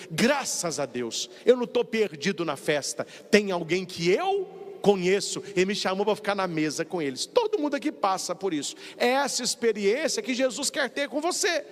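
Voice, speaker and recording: Animated Brazilian priest preaching in hall. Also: male voice, high voice. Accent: Brazilian Portuguese. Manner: animated, acts out dialogues with funny voices. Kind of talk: lively sermon. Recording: long reverb of a large hall.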